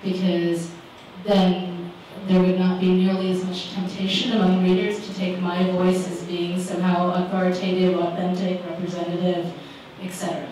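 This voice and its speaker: A woman's voice: fairly low pitch, level tone, moderate pace, few pauses. A woman author in her forties answering audience questions on a panel, thoughtful with many fillers. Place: living room with small audience. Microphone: handheld microphone. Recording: roomy sound from far camera, background noise.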